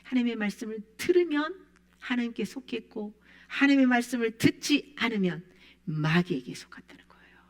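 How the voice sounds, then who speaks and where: A woman's voice: fairly high pitch, lively intonation, moderate pace. A woman preaching a sermon, quoting scripture with emphatic rises and falls. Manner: emphatic, rising and falling preaching voice.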